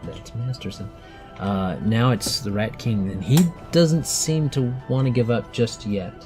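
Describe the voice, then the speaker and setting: A man's voice: on the low side, a little slow, music in the background. A man in his thirties narrating a tabletop game for a child as game master, patiently explaining the rules with plenty of fillers.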